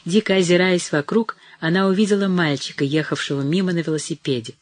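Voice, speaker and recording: An audiobook narrator giving steady, measured scripted reading of a novel. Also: medium pitch, dry recording.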